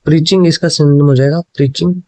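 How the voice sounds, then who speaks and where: A man's voice: fairly high pitch, fairly even intonation, quick pace, mellow, no echo, poor audio. Guy doing exam prep, keeps saying thik hai, dry close mic sound. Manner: mixes Hindi and English, repeats answers, keeps asking "ठीक है?". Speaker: exam coaching teacher. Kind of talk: explaining exam questions.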